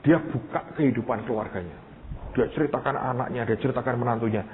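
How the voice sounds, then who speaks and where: A man's voice: mid-range voice, quick pace. A male pastor preaching a storytelling sermon and acting out the people he quotes. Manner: lively, animated storytelling, acting out quoted voices. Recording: tinny phone-like sound with faint noise.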